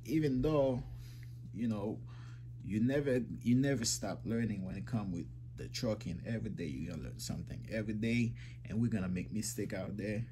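A trucking vlogger in his twenties talks casually to the camera from a small room, rambling, repeating himself and calling his viewers guys. His voice is fairly low and moderately paced, with background noise behind it.

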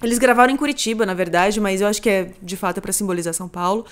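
A woman's voice: medium pitch, racing. A woman hosting a podcast, chatting casually and summarizing a film plot, with acted quotes. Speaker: podcast host.

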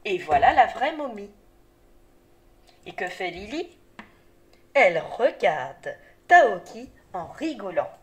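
Woman, teacher, slow, clear reading lesson for small children, lively pitch, encouraging. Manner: patient, encouraging, addresses the child directly. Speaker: primary school teacher.

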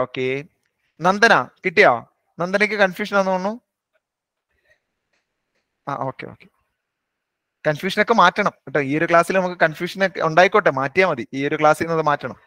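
A man teaching an online maths class. His voice is high and bright, and he talks quickly. The sound is close and dry, with no room around it. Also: no echo. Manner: brisk, coaxing, teasing students by name. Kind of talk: live online class, questioning students.

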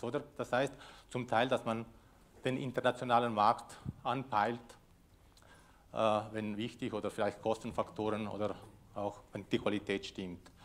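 This conference talk comes from a man of mid-range pitch, Swiss and Italian by first language, addressing an audience in a lecture room through a lectern mic. He hesitates often and fills gaps with lots of fillers in a loose manner.

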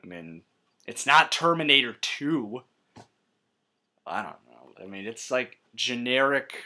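A man's voice: medium pitch, big pitch swings, a little slow, bright, forceful tone. A young man giving a profane, scornful movie-review rant, shifting between mutters and outbursts. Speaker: vlogger.

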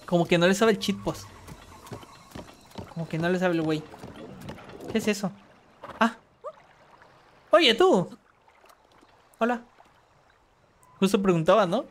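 A woman with a Mexican accent streaming gameplay, talking in slangy, profane chatter and bursting into panicked yelling. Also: lowish voice, normal speed, pauses often, a little hiss or hum. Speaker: gaming streamer. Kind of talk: live gameplay commentary.

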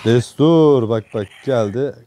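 A young man from Turkey giving casual, excitable gameplay commentary, joking and swearing at the game from a desk mic at home. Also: medium pitch, slow, slight background noise. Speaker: gameplay streamer.

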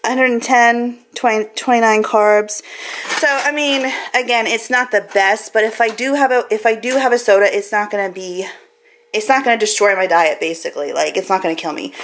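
With a fairly bright, medium-pitched voice and a moderate pace, a thirtysomething American woman vlogs from indoors in her kitchen. She rambles informally about her grocery haul into a handheld camera's mic held at arm's length, with slight noise in the background.

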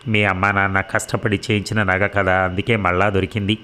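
A man reading the lines of a blunt, hot-tempered elder brother who works as a schoolteacher, in a low voice. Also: little pitch movement, brisk, sharp tone. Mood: warm, brotherly. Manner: blunt, scolding.

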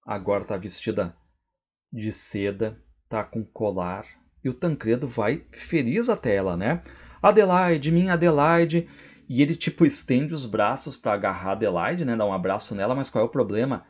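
A man with a Brazilian Portuguese accent, a literature teacher, who retells a novel's scenes in a lecture and reads quoted lines with lively emphasis. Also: fairly low pitch, normal speed, husky. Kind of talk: lecture with dramatic readings.

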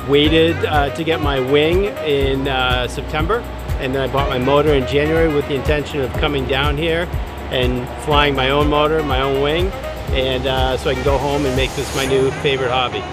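A man's voice: mid-range voice, steady tone, moderate pace. A man in his forties from New Hampshire, giving an upbeat, detailed testimonial outdoors on a beach. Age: 40s. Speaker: paramotor student. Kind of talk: testimonial to camera. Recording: loud music underneath.

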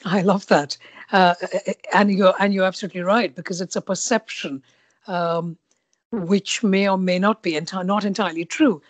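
An Indian woman hosting an interview podcast keeps asking inquisitive follow-ups, often repeating her words mid-sentence. She speaks at a moderate pace with a medium-pitched, fairly even voice.

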